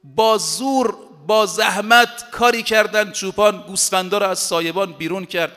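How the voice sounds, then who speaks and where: A man preaching a sermon in an emphatic manner, slowing down to recite Arabic quotations with deliberate weight. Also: sits high, pushed and bright. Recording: long hall reverb.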